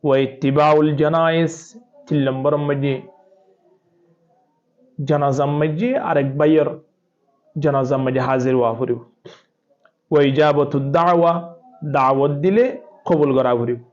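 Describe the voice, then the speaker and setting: A man's voice: a little high, steady tone, a little slow, long pauses, darkish tone. A man preaching an Islamic sermon in Chittagonian Bengali, explaining point by point and breaking into recited Arabic quotations. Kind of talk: Islamic sermon, teaching hadith. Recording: dull lo-fi sermon recording.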